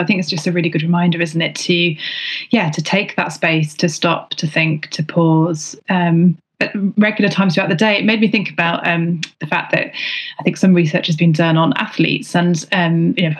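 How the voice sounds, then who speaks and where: A woman from Britain co-hosting a wellbeing podcast, speaking calmly and reflectively, repeating phrases for emphasis. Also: lowish voice. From United Kingdom. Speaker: podcast co-host. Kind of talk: casual podcast discussion.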